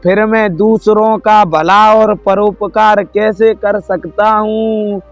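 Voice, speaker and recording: A man's voice: sits high, steady tone, slow pace. A man voicing a poor male beggar who is bitter, scornful and complaining. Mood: indignant. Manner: indignant, complaining. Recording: dull lo-fi with soft music.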